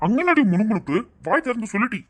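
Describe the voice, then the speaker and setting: A man's voice: a little high, expressive, a little fast. A man voicing a hot-tempered village husband in a cartoon, blustering and threatening. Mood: accusing.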